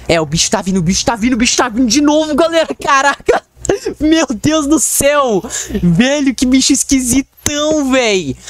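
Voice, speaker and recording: A man's voice: sits high, dry recording. Panicky Brazilian gamer man, scared yelps. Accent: Brazilian Portuguese. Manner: panicky, yelps and repeats words when scared. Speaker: gaming YouTuber. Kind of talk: horror game let's play commentary.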